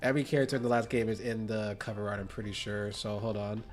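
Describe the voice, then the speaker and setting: A man's voice: lowish voice, fairly even intonation, quick pace, soft background music. Chatty stuffy-nosed male streamer. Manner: rambling, self-mocking, chatty. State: stuffy nose. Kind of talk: casual let's-play commentary.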